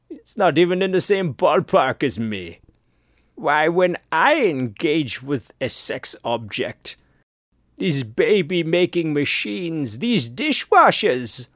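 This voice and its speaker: A man's voice: on the high side, no echo, clean studio sound. A man playing a pompous, snobbish upper-class male radio host who speaks in an affected posh drawl. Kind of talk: comedic character monologue.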